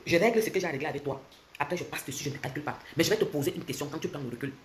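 Speaking expressively into a phone held close, this social media commentator in her forties has a Cameroonian French accent. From a bright room indoors with slight background noise, she rants heatedly on a livestream, quick and confrontational, alternating loud mockery with intense, low lecturing.

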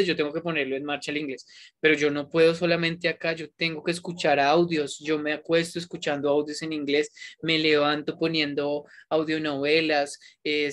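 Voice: medium pitch, fairly bright tone. An English teacher talking to a class online, mixing Spanish with English, coaxing and encouraging the students, and repeating words for emphasis.

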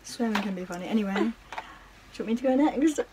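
A woman's voice: medium pitch, brisk, background noise. A young British woman hosting a challenge video, chatting casually and giggly with friends in front of a camera. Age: young adult. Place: small domestic room, indoors.

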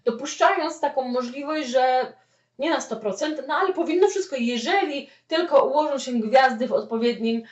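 A woman teaching a spoken English lesson, explaining with lively "okay?" check-ins. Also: sits high, moderate pace. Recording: echoey room, mic at a distance, dull lo-fi sound.

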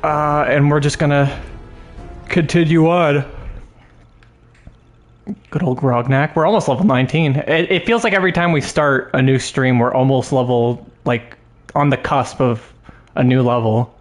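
A man's voice: mid-range voice, moderate pace, pauses often, faint music behind. A man streaming a video game live, chatting casually and rambling between moves.

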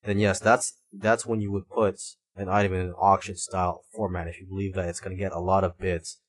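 A man with a low-pitched voice explains things as a tutorial instructor. He speaks haltingly, often doubling back to repeat a word or restart a phrase. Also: flat delivery, breathy edge. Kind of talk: screencast tutorial narration, explanatory. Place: voice-over recorded for a screen recording.

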